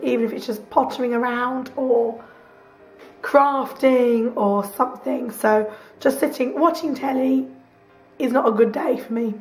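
A chatty woman talks to camera from her sofa at home, her fairly high voice hoarse and croaky from a lingering cough. She rambles easily between topics and breaks into laughter. Faint music plays under her voice. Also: poor audio. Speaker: vlogger. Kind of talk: chatty video diary. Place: home, sofa in front room.

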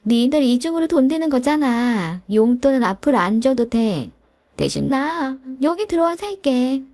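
A woman playing a bossy high-pitched sister-in-law. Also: sing-song, normal speed, dark tone, no echo. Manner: bossy, presumptuous, talks down. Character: grabby pushy older sister-in-law, middle-aged woman.

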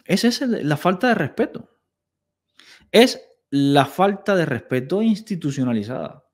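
Man, sarcastic commentator, fairly high voice, mocks and repeats quotes. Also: very animated, measured pace. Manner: sarcastic, indignant, repeats quoted phrases mockingly. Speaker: commentator reacting to clips. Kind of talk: video commentary.

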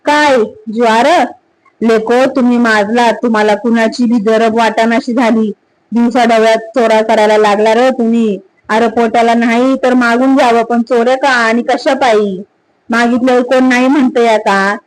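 A woman's voice: on the high side, fairly even intonation, normal speed, natural voice, low-quality recording. A woman voicing an angry middle-aged farmer who scolds in rustic village speech. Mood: scolding.

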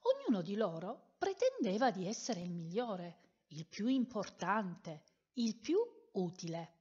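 A woman tells a children's story slowly and gently, with an expressive, lively lilt. Her voice sits rather high, and the recording has a dull, lo-fi sound. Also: slightly rough.

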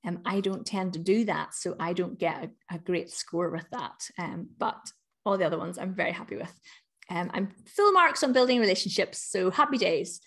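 A woman's voice: lowish voice, normal speed. A middle-aged woman with a Northern Irish accent giving a chatty, upbeat webinar presentation as a business coach. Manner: chatty, upbeat, lively emphasis.

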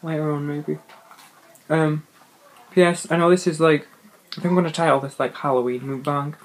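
A man's voice: a little high, fairly even intonation, normal speed, rough recording. Young man chatting while eating. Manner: chatty, swears casually, talks while eating. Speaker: vlogger. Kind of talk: casual mukbang chat. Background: faint party noise.

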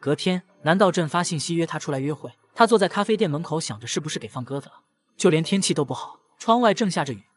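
Fast-talking male comic-recap narrator. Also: fairly high pitch, animated.

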